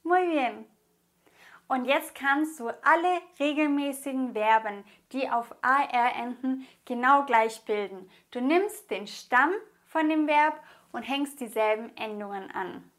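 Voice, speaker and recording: High-voiced woman teaching slowly. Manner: patient, encouraging, spells out endings and repeats. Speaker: language teacher. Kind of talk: spoken grammar lesson.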